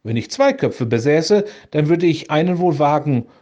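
A man's voice: on the high side, expressive, moderate pace, dark tone, highs cut off, natural voice. A man reading as a stern bearded ship captain.

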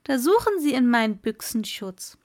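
A woman doing a jolly old merman, high and loud. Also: moderate pace. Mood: boastful. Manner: high, loud, lively exclamations. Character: old male merman, jovial and sly host.

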